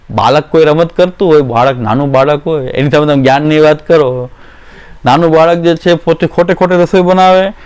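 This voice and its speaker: A man's voice: a little high, clean tone. A man giving a devotional discourse, folksy, acting out quoted voices and laughing often. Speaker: religious teacher.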